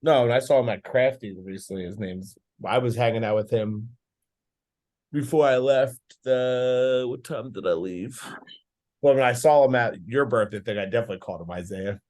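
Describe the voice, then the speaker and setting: A man's voice: medium pitch, a little fast, darkish tone. A man with an ordinary mid-range voice chats during an exercise class. He tells stories in a loose, laid-back way and cheers on the others now and then. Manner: laid-back storytelling with laughs. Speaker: class participant. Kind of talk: casual chat.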